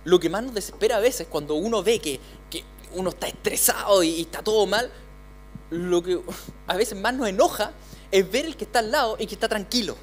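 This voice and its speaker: A man's voice: high voice, lively intonation, brisk, slight background noise. A man with a Chilean accent preaching a sermon as pastor, speaking conversationally with many repeated words. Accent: Chilean Spanish. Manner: conversational, repeats words, voices the disciples' pleas. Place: church.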